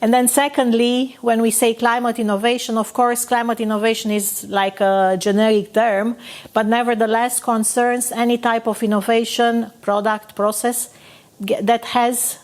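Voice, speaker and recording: Halting woman hosting a podcast. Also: on the high side, flat delivery, darkish tone. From Romania. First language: Romanian. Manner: halting, many fillers and restarts. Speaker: podcast host, company founder. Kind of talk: casual podcast conversation.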